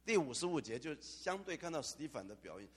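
Husky preaching man in echoey hall. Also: fairly high pitch, fast talker. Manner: animated preaching with dramatic asides. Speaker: pastor. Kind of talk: sermon. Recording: long hall reverb.

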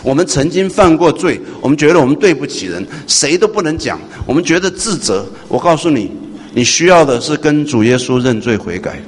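A man's voice: a little high, a little fast, husky. Man preaching in an echoey hall. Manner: animated preaching that moves from hushed to loud and questions the congregation. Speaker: pastor. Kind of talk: sermon. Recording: echoey hall with faint noise.

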